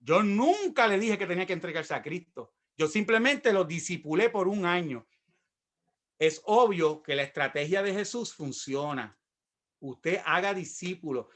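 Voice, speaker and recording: A man's voice: high voice, lively intonation, normal speed, fairly bright tone. A middle-aged man with a Puerto Rican accent, a pastor telling his own story in a sermon and acting out the voices of the people in it. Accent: Puerto Rican Spanish. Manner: storytelling, acts out quoted voices. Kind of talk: sermon with personal testimony.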